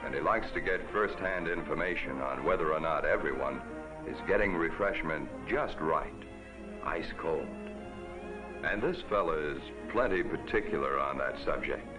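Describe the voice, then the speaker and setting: A man narrating a 1950s TV commercial as a folksy, upbeat pitchman. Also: moderate pace. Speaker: commercial announcer. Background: music.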